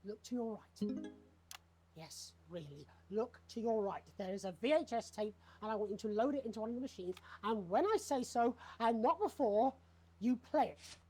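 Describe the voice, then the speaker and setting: An actor playing a bitter, unhinged TV news anchor in a video game, with a British accent and a commanding, theatrical, sardonic manner. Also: male voice, sits high, expressive, normal speed, warm tone, soft background music, poor audio. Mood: menacing command. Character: unhinged, bitter male TV news anchor holding studio hostage. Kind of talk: dramatic live-broadcast acting.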